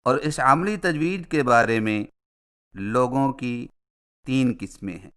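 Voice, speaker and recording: A man narrates a formal religious lesson in measured, carefully paced phrases. His voice is smooth and resonant, sitting at an ordinary middle pitch. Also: fairly bright tone. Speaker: religious instructor.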